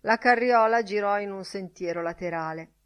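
A woman reading a classic novel aloud in measured audiobook narration, lifting her voice for the quoted characters. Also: medium pitch. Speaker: audiobook reader.

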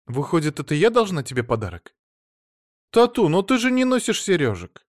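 A man doing a shrill, childish silly wife. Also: wildly swooping pitch, fairly quick, dry recording, clean studio sound. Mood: childish, pouty. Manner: shrill, pouty, wheedling.

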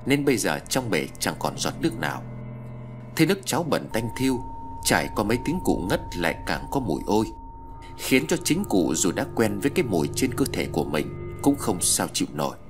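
A man narrating a horror ghost story with dramatic, expressive delivery. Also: lowish voice.

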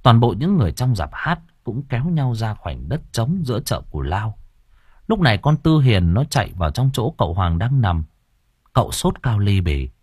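Field: expressive husky male narrator. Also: moderate pace, no room sound, studio quality. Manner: expressive, swings in pitch. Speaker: audiobook narrator. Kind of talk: dramatic story narration.

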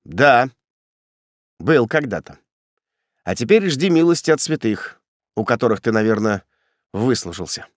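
A man voicing a grim male executioner who talks down to his prisoner in a cold, sneering, gruff way. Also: mid-range voice, very animated, moderate pace, dry recording, studio quality, lightly acted. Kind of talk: audiobook character voice.

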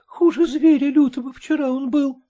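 A man's voice: very high voice, fairly even intonation, normal speed, mellow, voice pushed up. A man voicing a harried peasant wife who hurriedly begs to be left alone. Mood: flustered pleading.

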